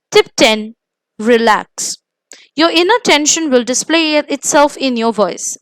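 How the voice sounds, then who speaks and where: In a poor-quality but close, dry recording with almost no room sound, a woman with an Indian accent and a high voice narrates interview coaching advice. Her fairly bright tone carries a scripted, measured, emphatic delivery, like a coach giving pointers.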